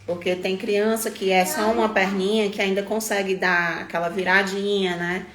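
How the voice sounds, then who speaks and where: A woman, a mother, slowly and gently explaining her child's condition. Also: medium pitch, flat delivery, crowd noise. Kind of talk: personal testimony on a livestream. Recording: echoey room with noise behind.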